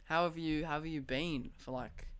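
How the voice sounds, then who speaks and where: A teenage boy hosting a casual podcast chat, excitable and swearing casually. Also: fairly high pitch, normal speed, clean tone. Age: teens. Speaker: podcast host.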